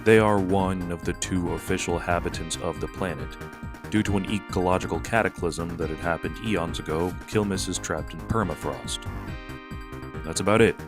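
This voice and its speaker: A man with a very low, deep voice narrates a scripted video essay. He puts on a deliberately pompous, mocking delivery, with faint music playing underneath.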